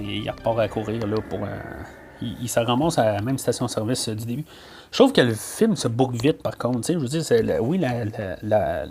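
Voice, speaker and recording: A man's voice: mid-range voice, warm tone. Hesitant Québécois man reviewing a film. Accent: Québécois French. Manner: hesitant, many fillers and restarts. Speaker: podcast host.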